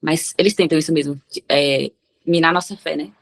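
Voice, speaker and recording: A woman's voice: low voice, normal speed. A woman guest sharing a personal story with emphatic, religious phrasing. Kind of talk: personal testimony in conversation.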